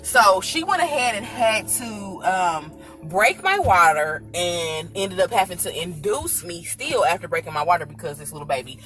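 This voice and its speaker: A young woman telling a story casually to her viewers, animated and laughing, calling them y'all. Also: fairly low pitch, normal speed, hardly any pauses, faint music behind. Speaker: channel host telling her birth story.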